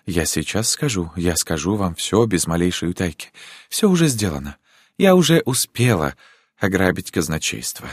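A man's voice: low-pitched, sing-song, normal speed, husky, no echo, clean studio sound, voice pushed up, heavily acted. A man voicing a passionate noble countess in an audiobook reading, speaking in a dramatic, impassioned, imploring way. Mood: insistent.

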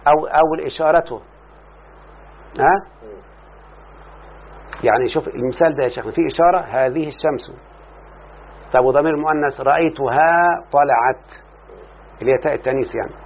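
This Arabic morphology teacher, with an Egyptian accent, speaks briskly in a mid-range voice and pauses often. He reads from a grammar text, explains it, then tests his student with repeated checks, all captured in tinny, lo-fi audio with a faint hiss.

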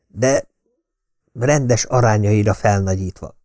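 A man voicing a secretive, intense male detective who delivers urgent, hushed warnings in an audiobook. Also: fairly low pitch, dry recording, clean studio sound, natural voice.

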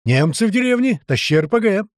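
Storybook soldier in a panic, played by a man: high, loud, shouting. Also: wildly swooping pitch, normal speed, breathy edge, no echo, clean studio sound, exaggerated voice. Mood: frantic yelling. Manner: yelling, high-pitched, alarmed. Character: frantic battle-crazed male soldier nicknamed Mamulya.

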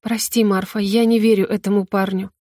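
A worried middle-aged mother who frets anxiously, as a woman reading an audiobook puts her on. The voice sits at a middle pitch and sounds dry and close, with no echo. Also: level tone, brisk, warm tone, natural voice. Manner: anxious, fretful.

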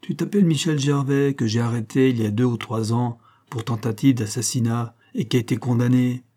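Guy doing a bossy mocking police chief, raised voice, kinda husky. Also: mid-range voice, fairly even intonation, brisk, mellow, natural voice. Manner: commanding, mocking. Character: sneering middle-aged police chief, hard and mocking.

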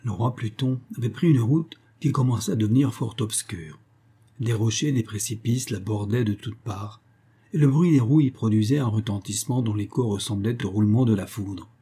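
A man narrating a storybook in a measured, even way. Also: fairly low pitch, breathy edge. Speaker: audiobook narrator.

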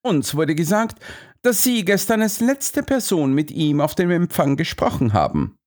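A man voicing a sharp male detective who asks terse, probing questions in a higher voice than his narration. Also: sing-song, unhurried.

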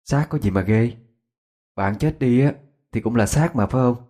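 A man doing Diệp, an eerily calm possessed schoolgirl. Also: medium pitch, normal speed, close to an everyday voice. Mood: eerie.

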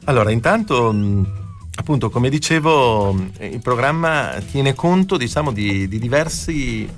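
A man's voice: mid-range voice, lively intonation, a little slow, soft background music. A man, a film festival's artistic director, answering as a radio guest in a hesitant way with many fillers. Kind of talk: radio interview.

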